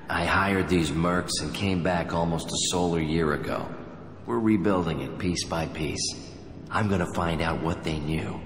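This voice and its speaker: In a video game cutscene, a man with a low, slightly bright voice plays a haunted, obsessive survivor of childhood experiments, speaking with brooding intensity. The recording sounds like an echoey hall with faint background noise.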